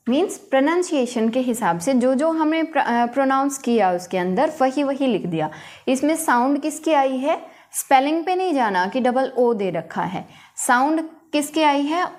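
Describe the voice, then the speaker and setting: Brief: woman teacher, fairly high voice, slow and patient, explains step by step while writing. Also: a little mellow. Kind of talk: phonetics lesson at a board.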